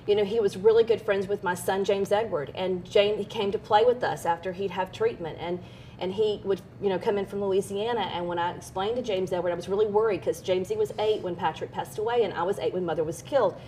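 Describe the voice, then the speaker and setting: Fast-talking and mellow, with fairly even intonation, a middle-aged woman recounts personal stories as an interview guest in a candid, earnest, conversational style. The recording is rough, with clear background noise and a low rumble.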